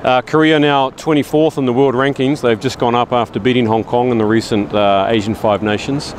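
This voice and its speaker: A man's voice: medium pitch, fairly even intonation, a little fast, a little hiss or hum. A man hosting a rugby show, presenting in a breezy, joking way. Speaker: show host. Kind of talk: casual presenting.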